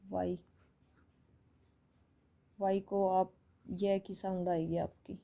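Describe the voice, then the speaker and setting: A woman's voice: medium pitch, level tone, drawn-out words, gravelly, warm tone, muffled recording. A woman with an Indian accent teaching English phonics online, explaining patiently and repeating each sound.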